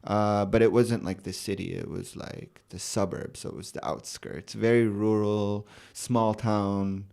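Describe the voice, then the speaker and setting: Podcast guest: young American man, low gravelly voice, thoughtful and loose, lots of restarts. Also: measured pace, few pauses. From United States. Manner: relaxed, thoughtful, many fillers and restarts. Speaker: rapper and poet guest. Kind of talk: casual podcast interview.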